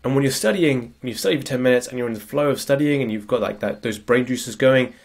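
A husky, sniffly man with a cold coaches on productivity, speaking quickly at a medium pitch. He shares his screen for a conversational lecture and keeps adding tag questions.

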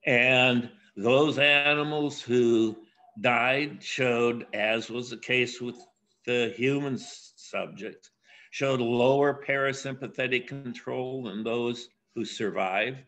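An older man giving a keynote academic lecture, speaking in a measured way with frequent pauses and filler sounds. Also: medium pitch, fairly even intonation, pushed and bright. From USA.

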